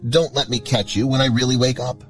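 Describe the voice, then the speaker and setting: A man voicing a shabby, grumpy old male ship captain who speaks in a gruff, menacing way. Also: mid-range voice, steady tone, fairly quick, faint music behind, lightly acted.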